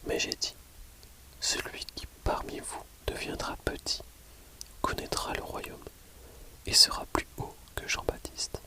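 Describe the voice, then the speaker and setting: ASMR audiobook reader: library whisper throughout, very slow, measured phrasing. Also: low-quality recording. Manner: measured, pausing between short phrases.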